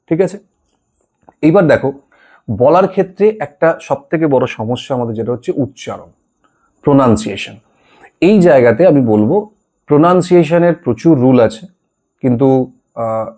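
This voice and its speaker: Male tutor, warm low-key tone, patient and reassuring lesson delivery. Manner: reassuring, repeats "ঠিক আছে?" to check in. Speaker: English tutor. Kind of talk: spoken English lesson.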